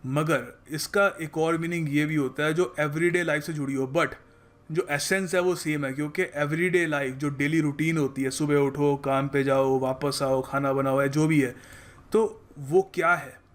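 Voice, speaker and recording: A man with an Indian accent teaching English vocabulary, switching between Hindi and English and reading example sentences slowly. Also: a little high, steady tone.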